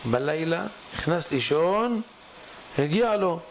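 High, gravelly-voiced rabbi storyteller. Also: male voice, expressive, a little hiss or hum, rough recording. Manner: dramatic storytelling, shifting pace. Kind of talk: storytelling sermon. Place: synagogue.

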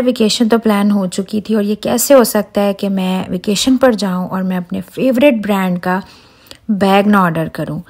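A woman in her thirties chatting to viewers in a casual travel vlog, recorded outdoors on a cruise ship deck with a handheld phone. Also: mid-range voice. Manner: chatty, excited, talks to viewers directly. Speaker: vlogger.

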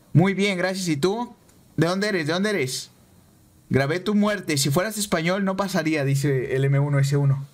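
A Mexican man streaming a game, chatting excitably with viewers and repeating himself. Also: high voice. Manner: excitable, repeats phrases, banters with chat. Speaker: gaming streamer. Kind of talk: casual live-stream chat over gameplay.

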